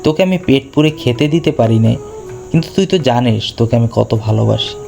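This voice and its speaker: A man doing a gentle, grieving poor farmer. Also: mid-range voice, expressive, a little fast, gravelly, over music. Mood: tender grief. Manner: soft, tender, sorrowful.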